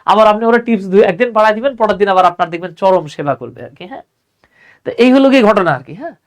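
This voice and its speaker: A man's voice: sits high, animated, rapid-fire. A young man teaches English grammar in an online class, chatty and full of little affirmations. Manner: chatty, repeats "হ্যাঁ", mixes English terms into Bengali.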